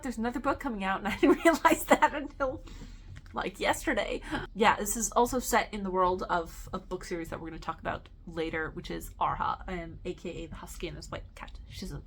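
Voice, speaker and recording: A woman's voice: mid-range voice, slight background noise. A woman, a teacher, chatting casually and enthusiastically about books she loves, with lots of ums and some swearing. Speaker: book vlogger. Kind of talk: casual book review chat.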